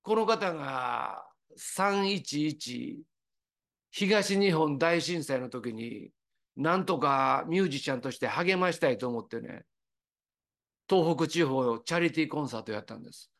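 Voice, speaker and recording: A man's voice: on the high side, a little slow. A man from Osaka with a Kansai accent, preaching a sermon in a conversational, storytelling way. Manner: conversational, lively storytelling with quoted voices.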